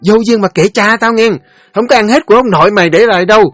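A man voicing a foul-mouthed, shrill teenage village girl who screeches curses and fast threats. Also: fairly bright tone, no echo, soft background music. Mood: furious.

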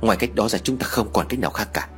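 A man's voice: lowish voice, lively intonation, fast, fairly bright tone, faint music behind. A man reading an audio story, voicing a stern, scheming wealthy mother who snaps orders. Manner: curt and commanding.

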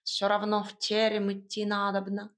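A woman voicing a grumpy, bossy male talking cat in an audiobook, with a gruff, scolding drawl. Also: medium pitch, completely flat delivery, normal speed, a bit bright, natural voice. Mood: grumbling. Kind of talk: audiobook character voice.

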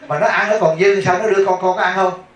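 Monk giving a casual dharma talk, laughing and questioning the audience. Slightly high male voice, picked up from far off in a very echoey room. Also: fairly even intonation, fast, fairly bright tone, a little hiss or hum. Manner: chatty storytelling, laughs often, asks the audience questions. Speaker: Buddhist monk teacher.

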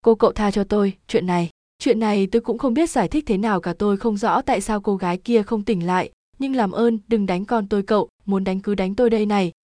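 Brief: woman doing a weeping older village mother, mellow tone, close and dry. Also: mid-range voice, steady tone, brisk, dry recording, lightly acted. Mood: pleading. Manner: sobbing and pleading.

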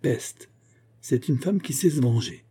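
A man's voice: medium pitch, expressive, a little slow, warm tone, husky, pitched above the performer's own voice. A man voicing a jovial young male officer in a novel, hearty and teasing as he talks. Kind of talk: audiobook character reading.

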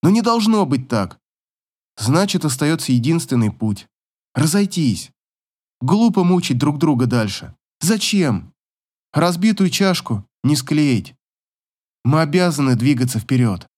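A man's voice: on the high side, very animated, unhurried, darkish tone. A man reading the part of a tired, resolute wife who speaks firmly and holds herself back. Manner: tired, firm and restrained. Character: weary, resolute young wife asking for divorce.

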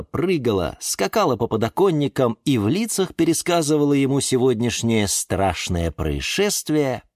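A man reading a children's story aloud in a playful, expressive storytelling manner. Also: mid-range voice, dry recording, clean studio sound. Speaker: narrator. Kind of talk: storybook narration.

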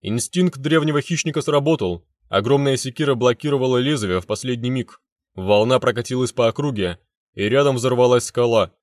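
A man's voice: mid-range voice, a little fast, dry recording. Intense male fantasy narrator, dry sound. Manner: intense, dramatic storytelling. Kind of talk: first-person fantasy audiobook narration.

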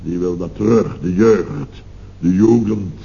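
An actor playing a rambling, nostalgic middle-aged building contractor in a 1960s radio comedy, hesitant and full of tag questions. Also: male voice, sits low, slow pace, gravelly, warm tone, heavily acted. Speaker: contractor boss. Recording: dull old radio recording with faint hiss.

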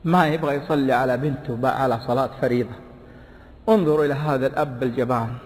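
A man preaching a sermon, emphatic, swinging from low asides to high exclamations. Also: steady tone, fast. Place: large hall before a big audience. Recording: long hall reverb.

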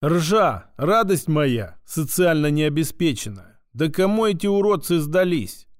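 A man's voice: on the high side, very animated, unhurried, dry recording. A sly male official, unflappable and teasing, who drawls his orders in a mocking, familiar tone, as the audiobook reader plays him. The voice is slightly raised and close, with a dry sound. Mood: mocking, firm.

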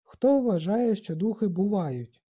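An audiobook narrator voicing an earnest, insistent boy leading a group, in a dark husky voice. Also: medium pitch, animated, a little slow, highs cut off, voice pushed up.

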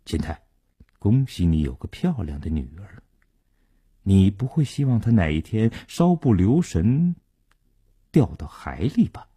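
A man playing a cold, menacing male gangster who collects debts, speaking low and quietly. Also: huge pitch swings, measured pace, pauses often, husky, heavily acted.

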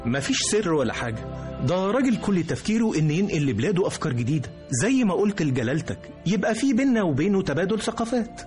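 A man's voice: high voice, sing-song, fast, darkish tone, soft background music. A man playing an ambitious, entitled young prince with an Egyptian accent in a radio drama. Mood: insistent.

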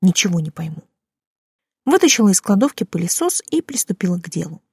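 A woman narrating first-person fiction in a lively, expressive reading voice. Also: fairly low pitch, brisk, husky, no echo, clean studio sound. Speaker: audiobook narrator.

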